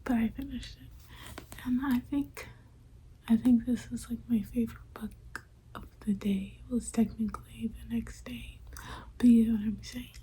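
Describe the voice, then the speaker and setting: Whispering young woman, slow and flat. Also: a little high, slightly rough, low-quality recording. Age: 20s. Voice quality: slightly off speech from a dental retainer. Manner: whispering, loose and chatty with many "like"s. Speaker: book vlogger. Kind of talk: whispered late-night vlog check-in.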